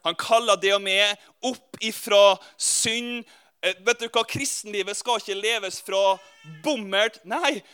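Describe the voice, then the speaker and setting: A male preacher from Norway telling a parable within his sermon and turning to his listeners with questions. His voice is high and bright, with a smooth, clear ring. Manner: lively, speaks directly to listeners. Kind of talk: sermon with storytelling.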